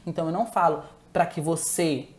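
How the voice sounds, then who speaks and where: A woman's voice: low-pitched, brisk. Woman giving a chatty live-stream talk. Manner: chatty, asks viewers to answer, frequent self-corrections. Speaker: relationship talk presenter.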